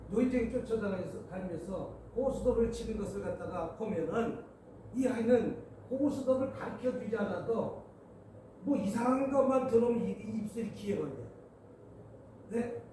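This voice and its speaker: Male pastor, light high voice, playful sermon, distant mic, noisy reverberant sanctuary. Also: warm tone. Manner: playful, coaxes the congregation to repeat after him. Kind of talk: sermon at a prayer meeting. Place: church sanctuary. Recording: echoey church hall, distant mic, background noise.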